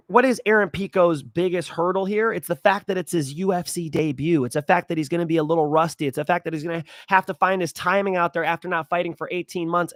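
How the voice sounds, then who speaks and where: A young man hosting a fight predictions show, talking in a rambling, excitable way and swearing freely. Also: a little high, no room sound, studio quality. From California. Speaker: host.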